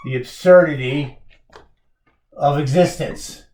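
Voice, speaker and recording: A man's voice: fairly high pitch, slow pace, darkish tone, faint music behind. A male teacher lecturing on a poem, posing emphatic rhetorical questions.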